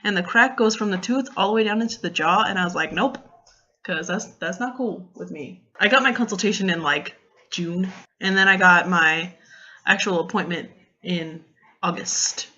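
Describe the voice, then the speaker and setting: A young woman chatting casually in a vlog, retelling a story in an animated way with lots of fillers and quoted dialogue. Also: medium pitch, moderate pace, dull audio. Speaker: vlogger.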